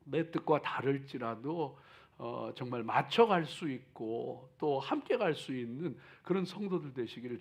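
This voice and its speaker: A man preaching a sermon as a pastor, with emphatic exhortation that moves between hushed asides and loud declarations, repeating key phrases and putting rhetorical questions to his listeners. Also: mid-range voice, creaky. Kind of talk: sermon to a congregation.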